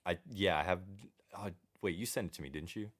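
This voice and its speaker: A man with a strikingly deep, bassy voice co-hosts a casual podcast. He sounds laid-back and chats informally, often in short phrases of agreement. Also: fairly quick, fairly bright tone. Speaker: podcast co-host. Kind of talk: casual chat.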